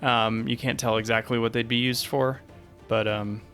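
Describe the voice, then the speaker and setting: A man's voice: mid-range voice, flat delivery, moderate pace, a bit bright, faint music behind. A man casually narrating a tabletop game as game master, improvising hesitantly.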